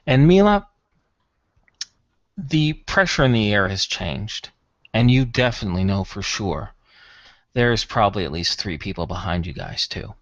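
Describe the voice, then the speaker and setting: A man's voice: lowish voice, lively intonation, unhurried, long pauses, a bit bright, dry recording, dull audio. A man narrating a tabletop role-playing game as game master in a conversational, improvised way.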